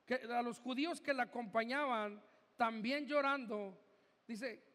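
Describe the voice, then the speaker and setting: A male pastor with a Mexican Spanish accent preaches to his congregation in a conversational way, dropping joking asides. His voice sits very high and he speaks slowly. The recording carries the long reverb of a church hall. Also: fairly bright tone. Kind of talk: sermon.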